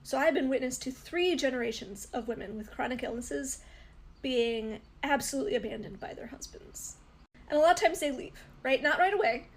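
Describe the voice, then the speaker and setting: A woman with a high voice gives personal commentary to camera. She speaks earnestly and stresses her points emphatically. The talk is casual and direct. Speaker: content creator.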